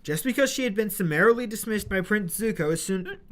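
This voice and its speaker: Her pitch sits mid-range, her intonation is lively and her delivery brisk. She's a young adult woman with hiccups recording audio drama narration, and the outtakes catch her restarting lines and breaking off into chatty, mildly exasperated rambling.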